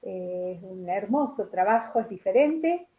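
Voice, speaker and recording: A woman's voice: medium pitch, expressive, measured pace, warm tone. A woman author, talking about her books on a video call, hesitant with fillers. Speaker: author guest. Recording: dull lo-fi call audio.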